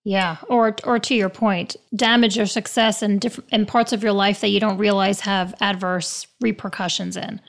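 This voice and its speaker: A woman with a New York accent hosting a casual interview, chatty and quick to laugh at herself. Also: medium pitch, fairly even intonation, gravelly.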